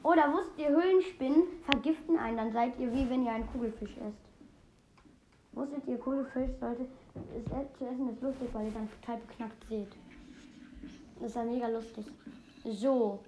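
A woman giving casual, excitable gaming commentary, rambling through fun facts with many restarts. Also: fairly high pitch, normal speed, lo-fi sound, background noise. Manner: excitable, keeps exclaiming "Junge". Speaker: let's play host.

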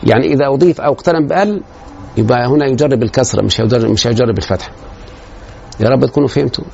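A man's voice: medium pitch, rapid-fire, creaky, darkish tone, lo-fi sound. A man with an Egyptian Arabic accent giving a grammar lecture to a class. He explains step by step and keeps checking that his students follow.

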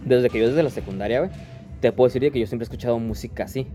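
A man's voice: medium pitch, rapid-fire, mellow, soft background music. A man, chatting casually in slangy speech full of repeated restarts. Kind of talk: casual chat.

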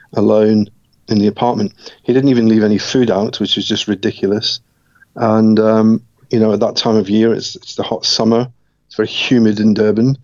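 Here a middle-aged Scotsman shares his life story in an interview, speaking low and flat, reflectively and at a measured pace, with minor restarts. The recording sounds dry and somewhat muffled.

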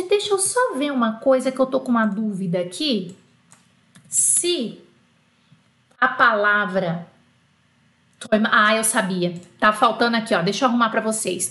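A Brazilian woman with a Brazilian Portuguese accent gives an online French lesson, explaining patiently and spelling out letters slowly. Her voice is a little high, pushed and bright, and the room is echoey.

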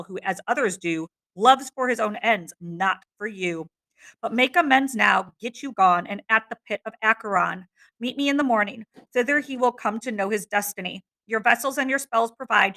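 A woman's voice: mid-range voice, pushed and bright. A woman reading the lines of an angry goddess of witchcraft scolding her witches, in a plain reading voice.

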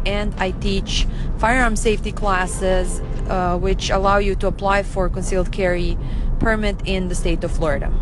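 Upbeat Serbian woman with background music. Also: medium pitch. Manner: upbeat, enthusiastic, direct. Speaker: firearms instructor. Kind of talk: recorded voice message to followers.

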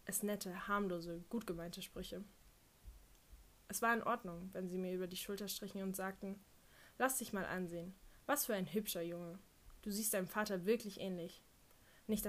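Woman, audiobook narrator, first-person narration, dry wry delivery, mid-pitched voice.

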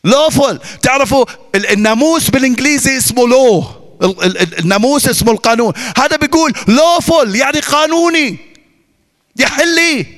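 A man's voice: extremely high pitch, brisk, fairly bright tone. A male pastor with a Levantine Arabic accent, preaching emphatically and repeating his points with rhetorical questions. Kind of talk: sermon. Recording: long reverb of a large hall.

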